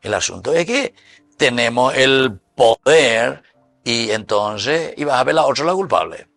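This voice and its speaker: Paraguayan priest giving a sermon, gravelly voice, dry studio sound. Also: male voice, mid-range voice, measured pace, no room sound, soft background music. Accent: Paraguayan Spanish. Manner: lively preaching with sudden loud and soft swings. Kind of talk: sermon mixing Guarani and Spanish.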